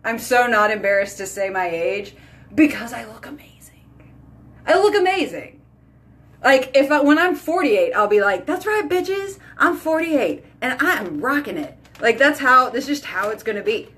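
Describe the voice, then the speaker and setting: A beauty vlogger in her thirties chats casually to her phone camera, held at arm's length, in a small bedroom or bathroom at home. Her voice is fairly high and her pace moderate, and she's animated and talkative, saying "like" and "y'all" a lot.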